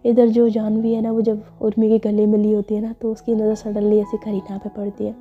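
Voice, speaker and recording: A woman's voice: medium pitch, completely flat delivery, a little fast. A woman narrating a story casually and chattily, with frequent fillers. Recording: slightly dull with faint music.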